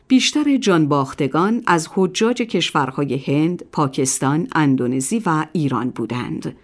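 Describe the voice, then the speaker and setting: A woman reads a scripted history calendar in a very low register, formal and measured. Her delivery is even and deliberate throughout. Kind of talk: scripted narration.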